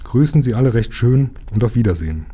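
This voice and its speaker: A man's voice: mid-range voice, expressive, fast talker, dark tone, slight background noise, natural voice. A man reading aloud, voicing a sturdy, good-natured engine driver who grumbles his words in an easygoing way. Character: sturdy adult engine driver, gruff and warm-hearted.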